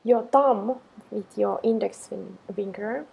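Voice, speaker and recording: A woman teacher with a medium-pitched, gravelly, husky voice leads a guided meditation. She's calm and unhurried, giving simple instructions broken up by gentle pauses.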